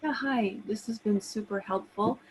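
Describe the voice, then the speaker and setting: A woman's voice: medium pitch, moderate pace, slight background noise, low-quality recording. A middle-aged woman from Canada, talking casually and personally as a participant on an online call through a laptop. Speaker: participant calling in, massage therapist. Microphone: laptop on an online call, no camera.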